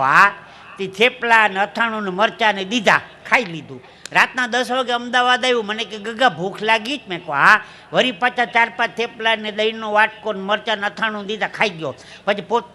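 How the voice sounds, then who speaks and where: A man's voice: very high voice, bright, forceful tone. A man from Dwarka tells jokes on stage into a handheld mic and laughs at his own punchlines. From Dwarka, Gujarat, India. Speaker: stand-up comedian. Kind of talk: stage comedy storytelling at a folk gathering. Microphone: handheld stage microphone.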